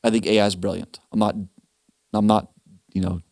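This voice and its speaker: Male webinar host, low voice, dry close sound, casual and animated. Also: dry recording. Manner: animated, quick asides and restarts. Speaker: financial planner hosting a webinar. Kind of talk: casual advice talk.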